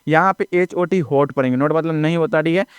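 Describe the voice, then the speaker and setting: A man's voice: a little high, fairly quick, smooth, no echo. A man teaching English phonics step by step, spelling words out letter by letter and often checking in with "ठीक है ना". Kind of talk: classroom-style phonics lesson.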